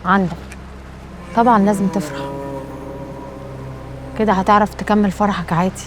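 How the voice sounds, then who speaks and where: A woman's voice: medium pitch, moderate pace, noisy background, close to an everyday voice. An actress playing a proud, reproachful woman with an Egyptian Arabic accent, teasing dryly. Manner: chiding, dry teasing. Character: proud woman back from supposed death, reproachful.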